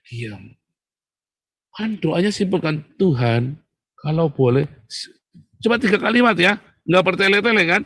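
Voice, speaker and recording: Lively chatty male preacher. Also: sits high, unhurried, pauses often, no room sound. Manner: chatty, joking, swings between loud emphasis and hushed calm. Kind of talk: casual sermon.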